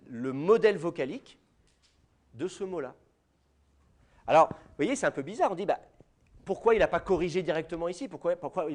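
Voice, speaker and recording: A man with a French accent lectures a university class, addressing the students directly and filling pauses with hesitations. His voice sits a little high and swings widely in pitch, animated as he explains. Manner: lively, explanatory, speaks to students directly with many fillers.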